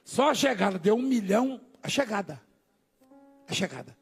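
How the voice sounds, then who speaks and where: A Brazilian preacher man with a very high, raspy and gravelly voice. His pitch jumps around a lot as he preaches in a church hall, joking with the congregation and swinging from low asides to shouts. Soft music plays underneath. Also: lively intonation, normal speed. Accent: Brazilian Portuguese. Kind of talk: live church sermon.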